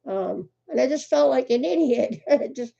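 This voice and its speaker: Her voice sits high, creaky and dark, expressive at a normal speed. This older woman runs a relaxed crochet livestream, laughing a lot and welcoming viewers by name in casual live chat, all over muffled lo-fi sound.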